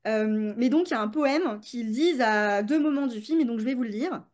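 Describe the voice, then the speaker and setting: High-voiced chatty woman. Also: fairly quick, darkish tone. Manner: chatty, many fillers and restarts. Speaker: guest, creativity coach. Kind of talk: casual podcast interview.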